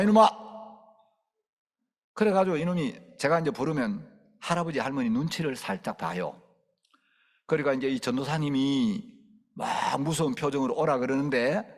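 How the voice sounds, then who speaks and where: 경상도 억양이 있는 중년 남자 목사가 일화를 곁들여 설교하며, 꾸짖는 목소리를 흉내 내며 실감 나게 이야기한다. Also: male voice, medium pitch, long reverb tail. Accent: Gyeongsang. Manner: animated storytelling, acts out scolding voices. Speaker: pastor. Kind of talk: sermon with anecdote.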